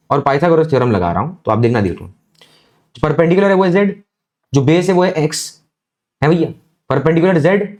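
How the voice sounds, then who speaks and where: A man giving a physics lecture, explaining slowly and deliberately and often checking that students follow. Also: fairly high pitch, darkish tone. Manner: slow, deliberate explaining with frequent check-ins. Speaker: physics teacher.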